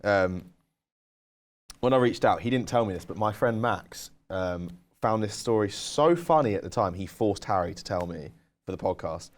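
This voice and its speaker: A man's voice: fairly low pitch, expressive, moderate pace. A young man, co-hosting a podcast and telling rambling stories full of "like" and "um". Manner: rambling, filler-heavy storytelling with lots of "like" and "um". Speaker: podcast co-host. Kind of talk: casual storytelling chat.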